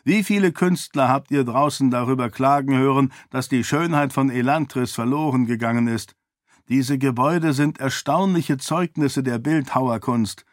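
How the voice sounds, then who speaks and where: An earnest young prince pleads and persuades, as a man reading the book voices him. His voice lifts higher as he argues. The sound is dry and close. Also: normal speed, no room sound, natural voice. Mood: urgent persuasion.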